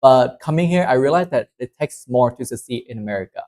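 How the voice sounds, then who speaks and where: A man from southern Vietnam co-presents a workshop in English, speaking earnestly and fast in a middle-pitched, slightly mellow voice with lively intonation. His talk is casual, and he loops back on his phrases while leaning on "you know" and "like."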